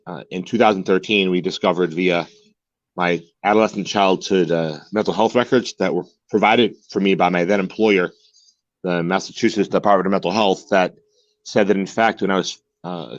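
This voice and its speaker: Speaking from his home in Mexico, an American man in his 40s talks earnestly as a candid interview guest, often repeating words while he hunts for the right ones. His voice is low-pitched, and the lo-fi recording has no room sound.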